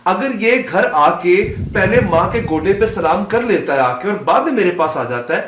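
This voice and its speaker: A young man hosting a podcast, agreeable and quick to affirm his guest. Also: high-pitched, lively intonation, a bit bright, a little hiss or hum. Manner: agreeable, frequent short affirmations. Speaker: podcast host. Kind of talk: casual chat. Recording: roomy studio echo.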